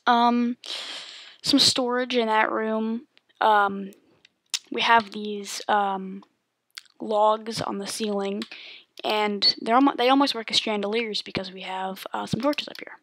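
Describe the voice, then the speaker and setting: A woman's voice: mid-range voice, slow. A woman giving a casual, rambling voice-over tour of her game world, with lots of ums and likes. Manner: relaxed, rambling with many ums.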